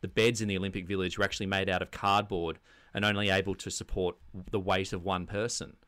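Deadpan Australian man, lowish voice. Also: quick pace, clear, resonant tone, dry recording. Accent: broad Australian. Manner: deadpan mock-serious. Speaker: comedy podcast co-host. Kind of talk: casual satirical banter about sports news.

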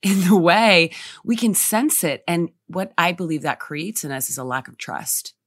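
A woman's voice: lowish voice, expressive, moderate pace, dry recording, studio quality. A woman guest in a casual spiritual conversation, reflective and emphatic, often repeating her phrases. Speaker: podcast guest.

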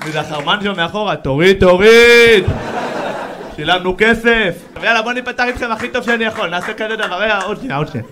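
Guy doing standup, high voice, cheeky with the crowd, loud audience noise all around. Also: lively intonation, few pauses. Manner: teasing the audience, brash. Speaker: stand-up comedian. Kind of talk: stand-up routine. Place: comedy club stage with live audience.

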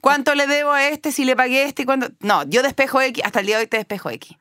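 A woman's voice: high voice, fast, a bit bright, no room sound, studio quality. A young woman with a Chilean accent hosting a podcast, retelling a fairy tale with irreverent, swearing asides. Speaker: podcast host. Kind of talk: comic storytelling chat.

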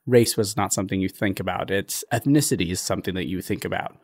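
Man, from Ethiopia, young adult, fry in the voice, earnest, reflective, podcast guest. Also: deep voice. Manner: reflective, earnest, with frequent pauses and restarts. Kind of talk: conversational interview.

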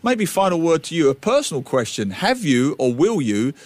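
A man's voice: fairly high pitch, very animated, normal speed, no echo. A man co-hosting a radio interview with casual, direct questions and remarks to guests.

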